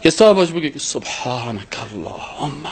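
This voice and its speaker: Emphatic preacher man, lively pitch. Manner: emphatic, with rhetorical questions and recited verses. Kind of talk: sermon.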